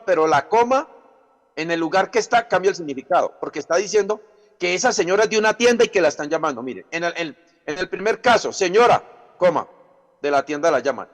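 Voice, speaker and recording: A male pastor gives a Bible lesson in a fairly high voice. He explains patiently, asking rhetorical questions and repeating phrases to drive his points home. His voice rings out with a long hall reverb. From Colombia. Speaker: pastor teaching a chaplaincy class. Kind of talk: Bible teaching lecture.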